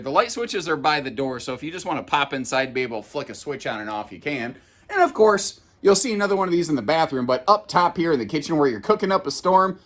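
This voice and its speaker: A man's voice: fairly high pitch, a bit bright. A man giving a casual, chatty walkthrough inside a trailer as an RV dealer, folksy with lots of fillers, recorded on a handheld camera mic.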